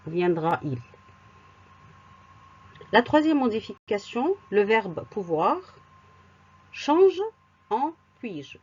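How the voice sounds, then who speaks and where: A woman teaching a grammar lesson, explaining rules slowly with spoken examples and occasional hesitant fillers. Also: medium pitch, a little mellow, husky, muffled recording. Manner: slow and deliberate, repeats words, hesitant fillers. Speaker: French teacher.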